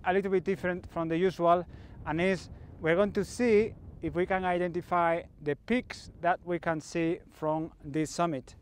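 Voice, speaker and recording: A man's voice: fairly high pitch, smooth. Spanish man vlogging from a mountaintop. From Spain. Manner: unhurried, slightly halting non-native English. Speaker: hiking vlogger. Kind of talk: casual chat to camera. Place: mountain summit outdoors.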